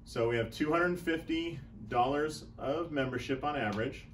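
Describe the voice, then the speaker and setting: A chiropractic business coach in his thirties runs a relaxed whiteboard lesson on business in a small room, thinking aloud through sums. His voice sits on the high side with a fairly bright tone and moderate pace, recorded on a lapel mic with slight background noise.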